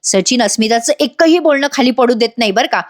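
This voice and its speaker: A woman narrates a TV serial episode in a chatty voice-over and keeps turning to her viewers. Her voice sits high, and she talks casually throughout. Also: expressive, a little fast. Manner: chatty, addresses viewers directly.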